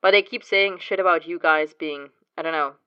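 A woman voicing a blunt young man, loud and incredulous, in a fan story read aloud. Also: on the low side, normal speed, clear, resonant tone, no room sound, muffled recording, natural voice.

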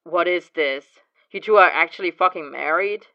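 A woman voicing a blunt young man, loud and incredulous, in a fan story read aloud. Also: lowish voice, lively intonation, normal speed, no room sound, muffled recording.

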